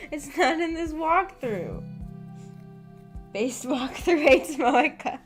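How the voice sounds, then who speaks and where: A young adult American woman hosts a visual novel book club livestream, chatting casually with viewers in a high-pitched voice at a very slow pace. She often hesitates and thinks aloud, with background music playing under her voice.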